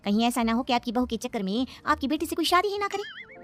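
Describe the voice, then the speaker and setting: Gossiping neighbor, middle-aged, sly and nosy. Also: female voice, sits high, big pitch swings, fast talker, fairly bright tone, faint music behind. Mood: gossipy.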